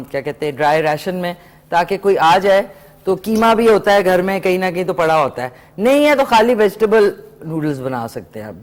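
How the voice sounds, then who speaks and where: A middle-aged woman, hosting a live morning TV cooking segment and chatting to viewers and callers. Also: fairly low pitch. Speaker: morning show host.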